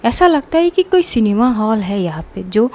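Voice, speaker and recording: A woman's voice: on the high side, big pitch swings, normal speed, a little mellow. A woman voicing a stern scornful mother. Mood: sarcastic. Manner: sarcastic, scolding.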